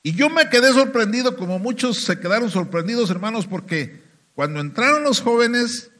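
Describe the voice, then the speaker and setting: A man's voice: extremely high pitch, lively intonation, normal speed, fairly bright tone. A man with a Mexican accent preaching a sermon testimony in a church, talking emphatically and often turning to the congregation. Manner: emphatic, keeps addressing "hermanos".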